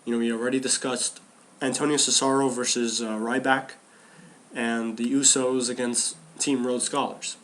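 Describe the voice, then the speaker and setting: A man co-hosting a podcast speaks at normal speed in a mid-range, slightly bright voice with little pitch movement, over slight background noise. He talks casually and animatedly about wrestling, often restarting and repeating phrases.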